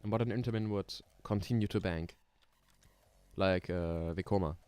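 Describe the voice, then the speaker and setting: There's no room sound as a young German man, his smooth voice sitting a bit low, speaks accented English on a laid-back live stream. Building roller coasters, he thinks out loud at an unhurried pace, often saying um and laughing softly, with keyboard typing in the background.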